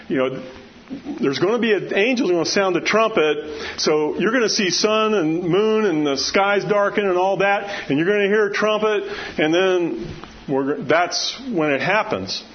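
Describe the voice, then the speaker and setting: With a loud, fairly high voice that carries, a man preaches at a Bible study in a casual, conversational and emphatic manner. He reads from scripture, drops in personal asides, and keeps asking his listeners questions. The sound is dull and lo-fi, and background noise is clearly audible.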